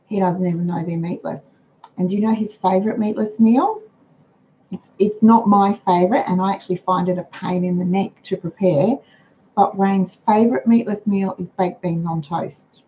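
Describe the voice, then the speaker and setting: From her home dining room, an older Australian woman with a croaky, hoarse voice and a dark tone chats warmly on her livestream about frugal living. The audio comes from a computer webcam and sounds dull and low-fi, with faint noise.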